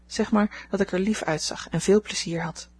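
Young woman at a ball, rueful and a little husky, read by a woman narrator. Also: medium pitch, fairly even intonation, normal speed, darkish tone. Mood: pleading.

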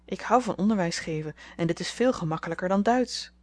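A shy, earnest young man in love speaks in a gentle, pleading way, as a woman reading a storybook aloud voices him. He sounds tender and soft. Her voice sits a little low. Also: animated, a little fast.

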